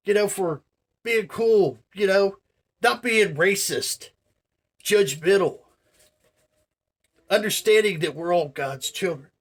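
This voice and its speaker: A man's voice: high-pitched, slow, pauses often. A man in his forties talking in a casual, rambling monologue, full of "you know" and "man", with earnest, marvelling emphasis. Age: 40s. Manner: chatty, filler-heavy, says "man" and "you know" a lot. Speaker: vlogger.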